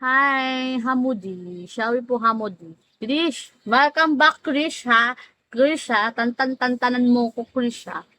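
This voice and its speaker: A woman's voice: fairly high pitch, slow pace, sharp tone, poor audio. Chatty woman live-streaming. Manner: teasing, chatty, laughs often, drawls out names. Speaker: livestream host. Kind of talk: casual live-stream chat greeting viewers.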